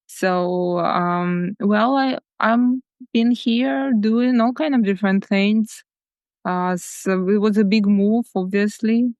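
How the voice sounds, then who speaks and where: A Ukrainian woman with a Ukrainian accent appears as a guest artist on a podcast interview, speaking reflectively and slowly, often repeating words and laughing softly. Her voice is medium-pitched and clean, recorded at studio quality with no echo.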